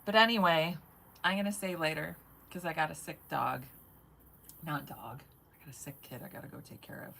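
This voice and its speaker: A woman's voice: sits low, normal speed, creaky, fairly bright tone, rough recording. A woman in her forties talking in a rambling, chatty live-stream monologue, swearing casually and laughing often. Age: 40s. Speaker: vlogger.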